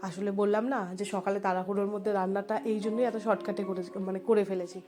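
Quick-talking nasal woman with a cold. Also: medium pitch, little pitch movement. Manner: rambling, homely, talks to viewers. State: congested from a cold. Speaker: home vlogger. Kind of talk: chatty voice-over narration. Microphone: voice-over.

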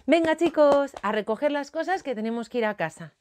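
Woman as a brisk, chirpy female teacher in a children's story, high and bright. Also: expressive, a little hiss or hum. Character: cheerful female schoolteacher calling kids.

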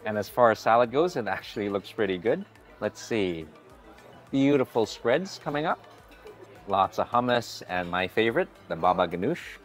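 A man's voice: on the low side, lively intonation, normal speed, soft background music. A man in his forties giving an upbeat, chatty food vlog while walking through a hotel buffet restaurant. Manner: upbeat, chatty, often greets staff warmly. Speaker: food vlogger. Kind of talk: casual vlog narration.

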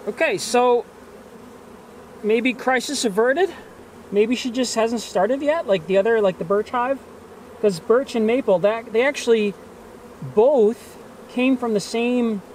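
Here a man in his forties with a high, slightly mellow voice casually narrates a hive inspection for his beekeeping vlog, partly to himself. The outdoor recording from a grassy bee yard is rough, with slight background noise and buzzing bees and insects.

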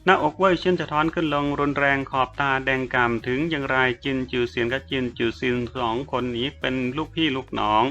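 Bright-voiced male audiobook narrator. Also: medium pitch, brisk, hardly any pauses, dull audio, faint music behind. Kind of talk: scripted narration.

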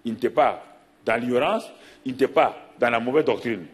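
A middle-aged man preaching a sermon as pastor, animated, repeating himself and asking rhetorical questions. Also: mid-range voice, normal speed.

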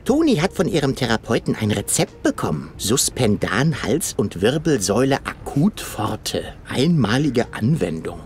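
A man's voice: mid-range voice, huge pitch swings, normal speed, hardly any pauses, slight background noise. An actor voicing a cocky, sarcastic young male game hero who talks in a cheeky, mocking way. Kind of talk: game voice acting.

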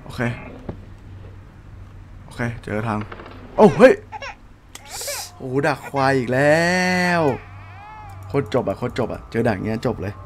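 A man's voice: on the low side, measured pace, pauses often, a little hiss or hum. A young man streaming a horror game, muttering to himself as he plays and letting out sudden startled yelps. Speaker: gaming streamer. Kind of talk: live horror game commentary.

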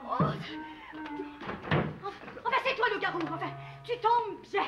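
A woman's voice: very high-pitched, measured pace, dull audio, heavy background noise. A woman voicing a fussy, dramatic woman theatre director who talks in an exasperated, theatrical way, in 1960s children's TV puppet acting.

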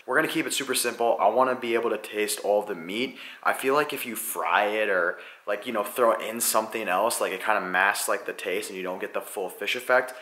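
The fishing vlogger is a young man with a sharp-toned, mid-range voice who chats casually and loads his speech with fillers. He shoots with a wide-angle camera held at arm's length, in a garage and later an apartment kitchen and living room.

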